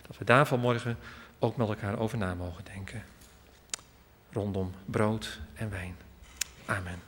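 A man preaching a sermon at a church service, emphatic and repetitive, with sudden swells of loudness. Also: lowish voice, fairly even intonation, a little slow, slight background noise. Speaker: pastor. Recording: long church hall reverb.

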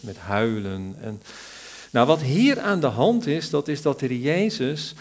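Man, Bible teacher, higher-pitched voice, slow, halting delivery, stressed key words. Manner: thoughtful, searching for words, rising to emphasis on key words. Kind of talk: Bible study sermon.

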